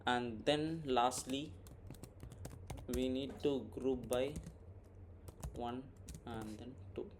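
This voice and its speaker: A man draws out his words in a steady, mid-range voice while guiding viewers through an informal coding tutorial captured on screen. He thinks aloud and keeps asking "right?", with clear background noise and keyboard typing underneath.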